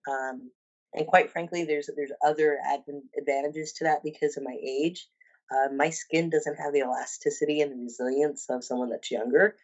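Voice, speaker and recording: A woman in her fifties, a personal trainer and bodybuilder, chats casually as a podcast guest, with plenty of ums and restarts. Her voice sits low with fairly even intonation and a moderate pace, and the audio has its highs cut off.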